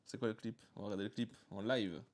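A man's voice: lowish voice, fairly even intonation, fast talker, a little mellow. A man with a French accent, streaming and chatting casually with crude, teasing jokes.

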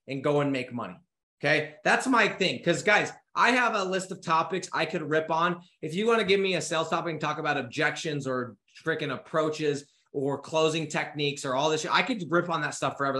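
Male, 30s, business coach, punchy motivational delivery, casual swearing; bright edge, roomy echo. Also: fairly high pitch. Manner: energetic, urgent, swears casually; gestures a lot with his hands while talking. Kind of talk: motivational talk to camera. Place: home office with bookshelves.

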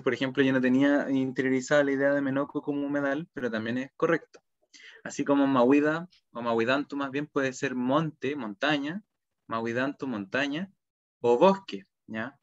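A man teaching a language class over a video call, saying each word slowly twice and then giving its meaning. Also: mid-range voice, highs cut off. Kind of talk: online vocabulary class.

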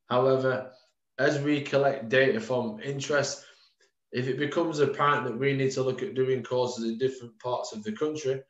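A strength and conditioning coach from the United Kingdom, in his thirties, gives an informal webinar over a video call. He has a mid-range voice, says "um" a lot, and addresses listeners as "guys," with roomy, dull lo-fi webcam audio.

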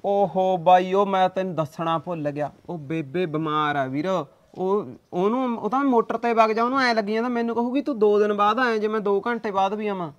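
A man's voice: high-pitched, a little fast, no room sound, close to an everyday voice. A man with a Punjabi accent playing a young farmer in debt, pleading and making excuses to put off paying. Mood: evasive. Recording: dull dry lo-fi recording.

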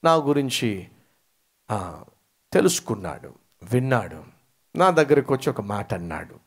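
A man preaching a sermon, telling a story and acting out its dialogue with rising emphasis. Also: a little slow. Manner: animated, acts out dialogue with rising emphatic pitch. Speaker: pastor.

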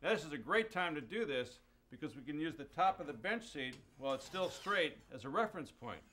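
A man's voice: a little high, very animated, fairly quick, pushed and bright. A middle-aged man hosting a woodworking show, explaining each step methodically with mild enthusiasm in his workshop on a lapel mic. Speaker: host and woodworker. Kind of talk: instructional woodworking demonstration. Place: indoor wood workshop.

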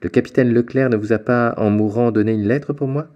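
A man's voice: mid-range voice, brisk, darkish tone, lo-fi sound, voice pushed up, close to an everyday voice. A man voicing a jovial, fatherly middle-aged shipowner in an audiobook, hearty and kindly. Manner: hearty, paternal.

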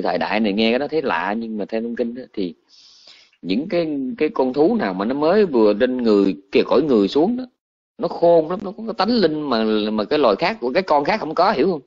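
A male monk tells a scripture story in a loose, conversational sermon, often restarting his phrases. His voice sits at a middling pitch. The recording sounds a little dull and lo-fi. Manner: colloquial, animated storytelling with restarts. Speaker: Buddhist monk teacher.

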